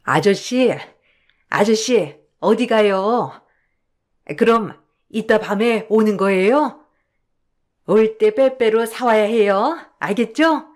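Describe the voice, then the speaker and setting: A woman's voice: mid-range voice, takes it slowly, darkish tone, natural voice. A woman voicing an elderly mother who has the mind of a seven-year-old girl, in a radio drama, talking in a childish, petulant way. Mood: childish, pleading. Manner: childish pleading, petulant demands. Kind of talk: Korean radio drama acting.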